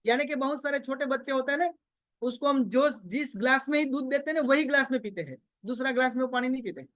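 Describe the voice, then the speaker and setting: High-voiced man quizzing his audience. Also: fast talker, no echo. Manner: quizzes the audience with repeated questions; storytelling, moves between loud and quiet. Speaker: motivational trainer. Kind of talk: motivational seminar talk.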